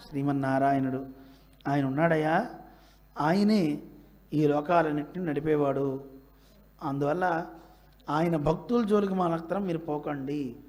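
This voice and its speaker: A man delivers a devotional sermon to a gathering, his voice sitting high for a man. He tells a sacred story in an animated way. He acts out the dialogue in several voices as he goes. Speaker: religious teacher. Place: religious gathering.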